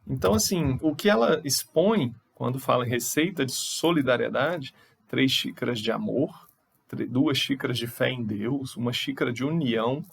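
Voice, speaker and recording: A man's voice: medium pitch, normal speed, gravelly, husky. A Brazilian man teaching a recorded online lesson, explaining step by step and correcting himself as he goes. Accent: Brazilian Portuguese.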